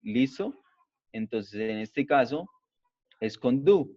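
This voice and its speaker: A man's voice: medium pitch, lively intonation, takes it slowly, dark tone, no room sound. A man teaching an English class, explaining step by step in a patient way and often checking that students follow. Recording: dull lo-fi recording.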